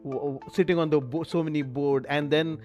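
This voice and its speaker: A man hosts a podcast interview, asking his questions eagerly and admiringly. His voice sits a little higher than most men's. Faint music hums in the background. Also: fairly even intonation, fairly quick, a little mellow. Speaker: podcast host.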